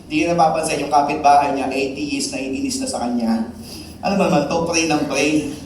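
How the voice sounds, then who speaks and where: A man preaching a Sunday sermon, asking the congregation questions and acting out prayers in a high excited voice. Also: normal speed, a little hiss or hum. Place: church sanctuary. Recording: echoey church from far off.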